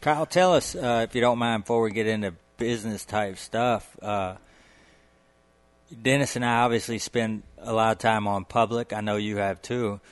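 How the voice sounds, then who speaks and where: A man's voice: fairly low pitch, normal speed. A man co-hosting a casual podcast, talking in a folksy, enthusiastic, rambling way. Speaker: podcast co-host. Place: guest's home on the coast.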